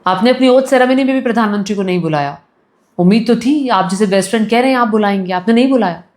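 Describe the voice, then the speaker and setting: A woman's voice: mid-range voice, fast talker, darkish tone. A woman news commentator delivering opinion commentary, indignant and firing rhetorical questions at the audience.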